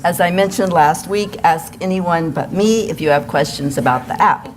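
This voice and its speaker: A woman with a lowish voice handles the welcome and announcements as worship associate at a church service. Her delivery is formal and measured, and the room recording is live and noisy.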